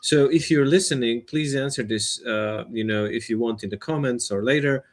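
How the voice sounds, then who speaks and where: A man's voice: mid-range voice, moderate pace. A man co-hosting a podcast, talking through ideas casually in a thoughtful, hesitant way. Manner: thoughtful, hesitant, many restarts. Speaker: podcast co-host. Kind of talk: casual chat.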